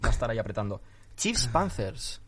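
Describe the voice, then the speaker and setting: A man hosting a casual sports podcast, running through the week's games briskly and swearing casually. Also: mid-range voice, sing-song, a little hiss or hum. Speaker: podcast host.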